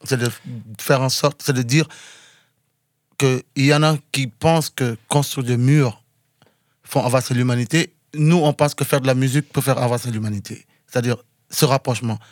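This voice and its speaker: A man's voice: medium pitch, fairly even intonation, moderate pace, no echo, clean studio sound. A man from Senegal, a musician guest, talking earnestly in an interview and slipping into English now and then. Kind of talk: casual interview talk.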